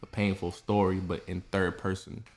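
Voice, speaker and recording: A man with an Atlanta accent, chatting on a podcast about his creative ideas, earnest and halting with many fillers. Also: deep voice, little pitch movement, darkish tone. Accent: Southern US, Atlanta. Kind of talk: casual podcast chat.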